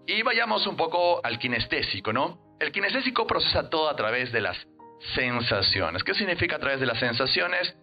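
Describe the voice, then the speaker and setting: A man hosting an educational podcast, explaining in a lively teaching manner. He often acts out quick example voices and keeps checking in with listeners. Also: on the high side, lo-fi sound, soft background music. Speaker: NLP trainer and podcast host.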